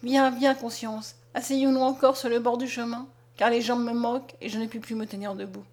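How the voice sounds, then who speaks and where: A woman's voice: fairly high pitch, level tone, a little fast, darkish tone, natural voice. A woman reading the part of a devoted nineteen-year-old peasant girl in an audiobook, pleading and tearful. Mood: anguished. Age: young adult.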